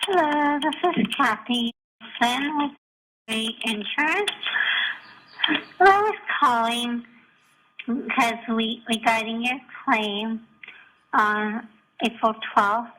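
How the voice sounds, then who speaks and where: A woman leaving a businesslike, halting voicemail as a company representative, as heard on an answering machine recording. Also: on the high side. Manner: halting, businesslike, stops to correct herself. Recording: noisy voicemail recording with clicks.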